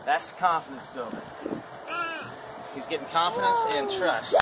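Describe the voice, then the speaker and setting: A man's voice: high voice, wildly swooping pitch, moderate pace. A man giving an informal, step-by-step hands-on training demonstration with running commentary, recorded outdoors. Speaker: horse trainer, instructor. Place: outdoors in wind. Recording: distant mic, loud wind, outdoor noise.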